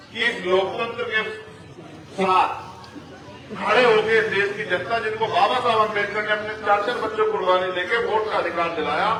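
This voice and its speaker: Male rally speaker, very high voice, heavy echo through loudspeakers, from afar with a big crowd around. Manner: impassioned oratory, breaks off to direct the crowd. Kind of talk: political rally speech. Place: outdoor election rally. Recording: echoey loudspeaker sound from far off with crowd noise. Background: large crowd.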